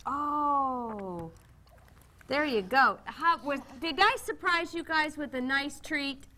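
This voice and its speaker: A woman's voice: high voice, takes it slowly, bright, forceful tone. A middle-aged woman hosting a children's TV cooking segment, cheerfully coaxing the kids with questions. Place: bright TV studio kitchen set.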